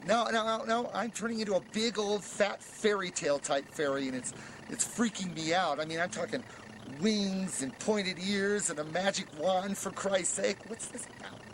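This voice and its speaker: A man's voice: high voice, moderate pace, background noise. A man delivering a comic confessional monologue, stammering and repeating words in frantic, self-mocking bursts.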